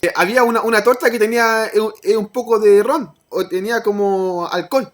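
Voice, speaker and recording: A woman with a Chilean Spanish accent teaches her congregation in a relaxed, conversational sermon. She talks informally and hesitates often, slipping into the voices of the people she quotes. Her voice sits at an ordinary middle pitch. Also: a little fast. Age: adult parent of a child. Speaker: Bible teacher at a church.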